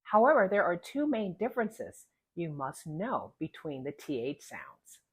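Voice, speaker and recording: A woman giving a pronunciation lesson as a teacher, deliberately over-articulating the practice words. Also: fairly low pitch, big pitch swings, breathy edge.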